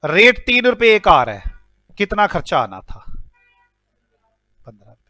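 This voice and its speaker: A man's voice: high-pitched, unhurried, no room sound, faint music behind. An Indian man with an Indian accent teaching an accounting class, telling stories with mock scolding. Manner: animated storytelling with mock scolding. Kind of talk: classroom lecture.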